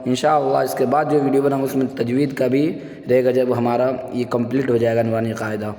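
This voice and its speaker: A man's voice: medium pitch, flat delivery, warm tone. Man teaching Arabic letters, echoey room. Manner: drawn-out sung letter sounds for repetition; mixes English words into explanations. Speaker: Quran teacher. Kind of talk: beginner Arabic letter lesson. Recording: echoey room with long reverb.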